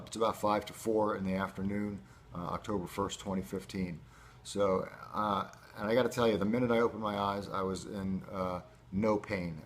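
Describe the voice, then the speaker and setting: A man with a low voice talks casually to viewers as a patient giving a recovery update. His delivery is measured and matter-of-fact, with halting phrasing. Faint noise sits behind the home-style recording. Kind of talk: casual first-person vlog.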